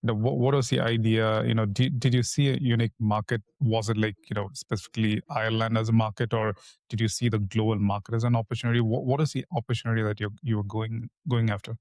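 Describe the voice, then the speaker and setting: A man's voice: on the low side, flat delivery, fast talker, a little mellow, no room sound. A man hosting a podcast, introducing his guest with enthusiasm and often repeating words as he frames questions. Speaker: podcast host. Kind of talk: podcast interview.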